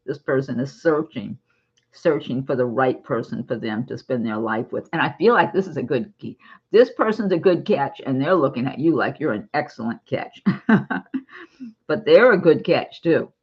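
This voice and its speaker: Brief: woman tarot reader, husky voice, chatty and giggly, dull lo-fi recording. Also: a bass voice, expressive, normal speed. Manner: chatty, giggly, warm reassurance. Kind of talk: casual tarot reading monologue.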